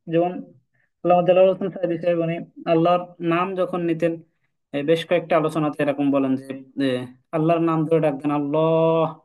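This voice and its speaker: A man teaching Quran recitation in a relaxed lesson, patiently repeating each rule and slowly chanting the Arabic examples. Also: fairly high pitch, rough recording.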